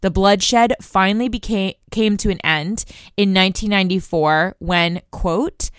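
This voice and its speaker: A woman's voice: mid-range voice, clear, resonant tone, no room sound, studio quality. A young woman from the United States hosting a news podcast, explaining a story in a conversational way and talking straight to her listeners. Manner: conversational, addresses listeners directly.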